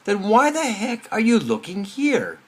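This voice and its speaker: A man's voice: high-pitched, very animated, fairly quick, gravelly, a bit bright, voice pushed up, exaggerated voice. A man voicing a kindly male policeman in a story, asking friendly questions. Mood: questioning.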